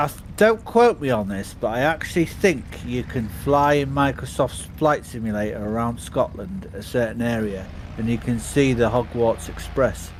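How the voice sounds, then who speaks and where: A man chatting casually while gaming, relaxed and hesitant with many fillers. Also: medium pitch, moderate pace, few pauses, a little hiss or hum, rough recording. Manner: laid-back, hesitant with many ums. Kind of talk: casual chat.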